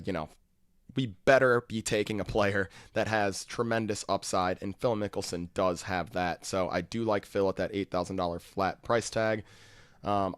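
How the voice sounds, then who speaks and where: Clean studio sound with no echo carries a man's smooth, lowish voice as he hosts a fantasy golf podcast. He runs through stats and picks casually, in a conversational style.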